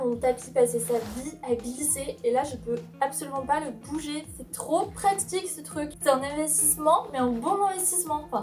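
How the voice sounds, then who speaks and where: A young woman with a high, bright voice chats to her camera in her apartment, lively and expressive, muttering as she decorates. Faint music plays in the background. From France. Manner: chatty and expressive, mutters and swears while doing chores. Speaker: lifestyle vlogger. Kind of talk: casual vlog chat. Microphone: camera mic.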